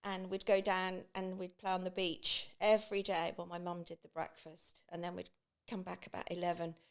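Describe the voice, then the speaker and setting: Her lowish, smooth voice shows little pitch movement and keeps a moderate pace. The middle-aged woman, a Great Yarmouth beach hut business owner with an East Anglian English accent, guests on a podcast, telling personal stories and acting out recalled remarks.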